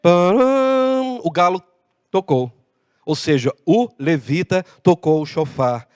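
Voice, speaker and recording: High-voiced preaching pastor in a hall. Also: male voice, unhurried. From Brazil. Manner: animated preaching with acted-out dialogue. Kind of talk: sermon. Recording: long hall reverb.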